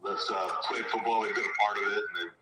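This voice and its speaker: A man's voice: on the low side, fairly even intonation, brisk. A middle-aged man, a former football player and coach, answering thoughtfully with hesitant restarts over a video call. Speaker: guest, former pro football player and high school football coach. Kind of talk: reflective interview answers. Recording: echoey distant mic with background noise.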